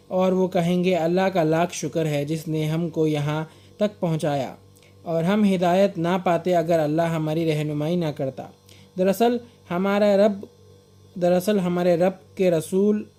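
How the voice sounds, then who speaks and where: A man reading a scripture translation aloud at a quick pace, stopping to restart and to explain verses in his own words. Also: sits high, mellow. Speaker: Quran translation reader.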